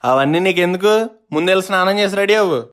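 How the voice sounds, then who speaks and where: Voicing a stern cartoon dad, blunt and scolding, talks quick. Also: medium pitch, clean tone, soft background music, natural voice. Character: strict middle-aged father, scolding.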